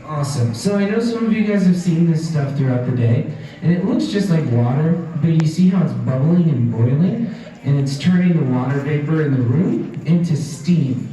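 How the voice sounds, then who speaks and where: Slightly high and expressive, this young man's mellow voice moves at a moderate pace as he cheerfully walks the kids through each step of his live science demo. He's a science educator working a crowd in a big indoor event hall. Recorded at a distance, the audio is echoey, with a little background noise and chattering people behind him.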